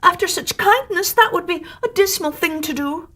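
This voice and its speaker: Woman playing high-pitched, anxious little storybook oysters. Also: normal speed, pushed and bright. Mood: alarmed, pleading. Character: plump, anxious, polite little young oysters.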